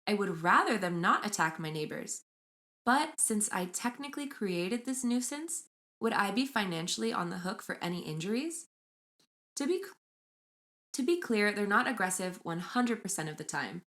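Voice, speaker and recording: Woman podcast co-host, mid pitch, chatty storyteller reading stories aloud. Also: big pitch swings, normal speed, fairly bright tone. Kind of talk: casual chat and storytelling.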